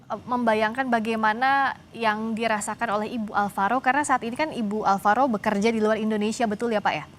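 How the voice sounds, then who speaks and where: Female news interviewer, polite and careful, fairly high voice, with ambient noise behind her. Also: fairly even intonation, fast. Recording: clear background ambient noise.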